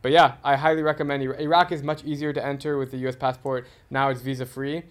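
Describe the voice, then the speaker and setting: A man's voice: mid-range voice, level tone, quick pace. A man hosting a podcast, talking about travel in an eager, emphatic way and steering the conversation. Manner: enthusiastic, emphatic travel talk. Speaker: podcast host. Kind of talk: casual interview conversation.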